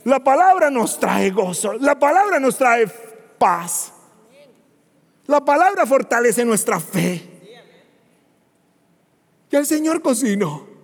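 High-voiced preacher man in reverberant church. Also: very animated, takes it slowly, gravelly, pauses often. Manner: swings from hushed to shouted, dramatic storytelling. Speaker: pastor. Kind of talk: sermon.

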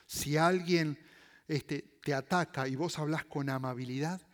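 A pastor preaches a sermon in Latin American Spanish, using voseo. His delivery is emphatic and deliberate, repeating key phrases and swinging between loud and hushed moments. His pitch is fairly high.

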